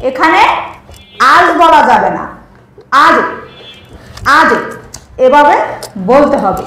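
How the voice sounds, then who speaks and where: Woman, teacher, lively high voice, slow repeated examples, echoey room. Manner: explains step by step, repeating examples slowly. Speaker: Quran recitation teacher. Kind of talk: teaching lesson, questioning a pupil.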